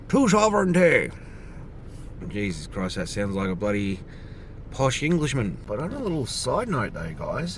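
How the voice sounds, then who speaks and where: Man, lower register, casual rambling vlogger who swears offhandedly, slight background noise. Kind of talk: casual vlog chat to camera.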